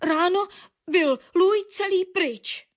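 A woman's voice: extremely high pitch, pitched above the performer's own voice. A woman voicing an indignant male woodpecker insisting on his innocence. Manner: indignant protesting.

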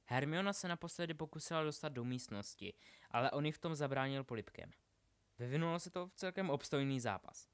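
A man narrating a novel aloud in steady storytelling, slowing down for effect. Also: on the high side, clean tone. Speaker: reader. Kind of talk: audiobook narration.

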